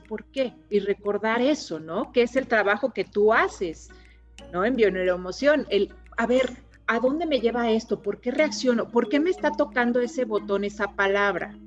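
A woman, hosting a podcast and agreeing warmly with her guest. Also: mid-range voice, highs cut off. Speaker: podcast host. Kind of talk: podcast conversation.

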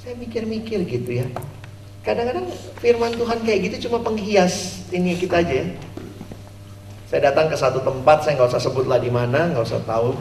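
A man's voice: on the high side, brisk, long pauses, darkish tone, slight background noise. A man preaching a sermon, telling humorous stories and acting out the people in them. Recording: echoey room, distant mic.

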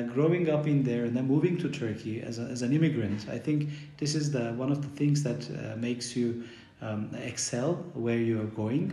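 Hesitant middle-aged man, mellow voice. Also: mid-range voice, echoey room. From Bulgaria. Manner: hesitant, many fillers and restarts. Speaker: university professor, guest. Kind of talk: podcast interview.

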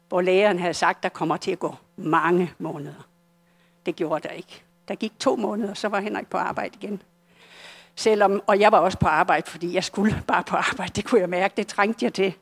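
An older woman with a Danish accent telling her personal story at a church service, earnest and halting, often restarting her sentences. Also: medium pitch. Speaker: church testimony speaker.

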